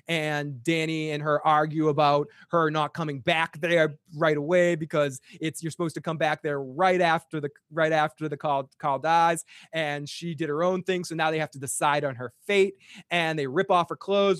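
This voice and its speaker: Boston-accented man hosting, higher-pitched voice. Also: fairly even intonation, normal speed, a bit bright, no room sound, clean studio sound. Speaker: podcast host. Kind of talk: casual recap chat with call-ins.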